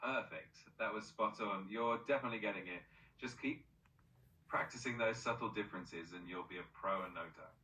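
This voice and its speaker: A man's voice: fairly low pitch, normal speed, pushed and bright, roomy sound, distant mic, low-quality recording. A male-sounding AI voice assistant coaching pronunciation, upbeat and encouraging with frequent praise.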